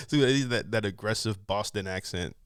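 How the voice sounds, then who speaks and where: A man's voice: lowish voice, a little slow, smooth, no echo, clean studio sound. A man hosting a reaction video, talking in an easygoing way with frequent laughs and restarts. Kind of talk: casual reaction commentary.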